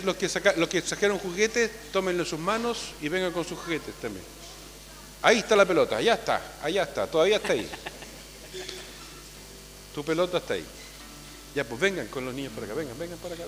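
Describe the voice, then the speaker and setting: A man, a priest giving a conversational homily at Mass, often tagging his sentences with a questioning "ah?" and calling loudly when he gathers the children. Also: sits high, animated, brisk, long pauses. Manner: conversational, tags phrases with "¿ah?". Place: church. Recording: long church reverb with faint hum.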